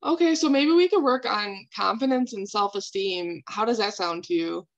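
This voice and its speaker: A woman speaking as a calm therapist in a counseling role-play, validating and asking reflective questions. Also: medium pitch, normal speed, lo-fi sound.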